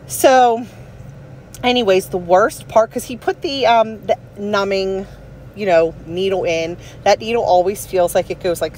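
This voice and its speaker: A woman's voice: medium pitch, a little hiss or hum. A woman in her forties chatting casually about a personal experience in a rambling, emphatic, conversational way. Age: 40s. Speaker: vlogger.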